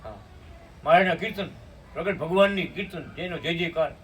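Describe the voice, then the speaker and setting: A man giving a devotional storytelling sermon, slipping into slow chanted hymn lines and asking his listeners questions. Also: fairly high pitch. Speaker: spiritual speaker at a satsang. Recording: distant mic with faint room noise.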